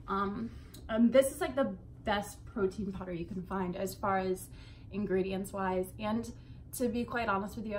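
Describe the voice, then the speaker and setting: Speaking in a mid-range voice, a young woman vlogger rambles casually to camera indoors in her bedroom, swearing and going off on tangents. There's noise in the background.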